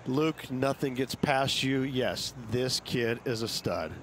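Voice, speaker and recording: A man's voice: medium pitch, lively intonation, takes it slowly, noisy background. A man giving upbeat, folksy color commentary on golf, full of exclamations. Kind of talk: enthusiastic sports color commentary.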